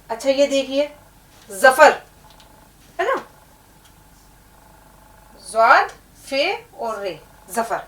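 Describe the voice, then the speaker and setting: A woman teaching a language lesson, explaining word meanings and spelling out letters slowly, often checking in with the learner. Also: high voice, a bit bright. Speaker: Urdu teacher. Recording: echoey room, mic at a distance.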